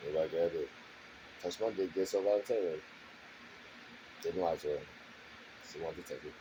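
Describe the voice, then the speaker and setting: Alone in a garage with noise behind him, a low-voiced man talks at a moderate pace. The vlogger's monologue wanders and turns defensive, repeating itself as he keeps checking in with "you know what I'm saying."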